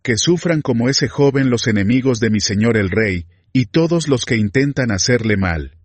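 A man's voice: mid-range voice, animated, normal speed, husky, no room sound. A man reading as a formal foreign courier. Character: foreign male courier bearing war news.

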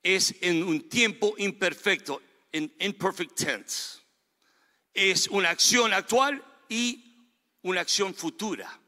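A man's voice: sits high, slow pace, sharp tone. A man preaching a sermon as pastor, earnest and emphatic, his delivery swelling and falling back. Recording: long reverb of a large hall.

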